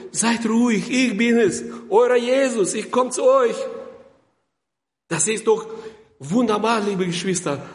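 High-voiced, slow-talking preacher in a hall. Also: male voice. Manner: emphatic, repeats words, stumbles. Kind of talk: sermon with Bible reading.

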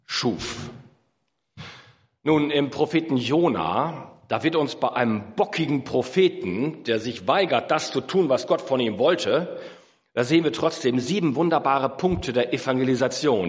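A man preaching a sermon, swinging between emphatic high peaks and low, slow earnest passages. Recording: echoey hall.

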